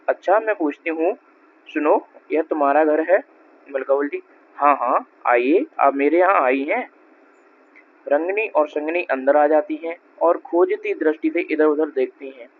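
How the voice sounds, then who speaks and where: A man reading a stage play aloud, speaking the stage directions and every character's lines in his own voice. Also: on the high side. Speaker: reader of a play. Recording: tinny narrow-band recording with faint noise.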